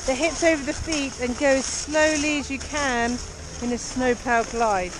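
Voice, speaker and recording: High-voiced cheery woman ski instructor calling out. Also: a little slow. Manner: cheery, encouraging. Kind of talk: live beginner lesson, coaching and explaining to camera. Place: outdoors on a busy ski slope. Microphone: action camera held or worn. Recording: noisy outdoor action-camera sound.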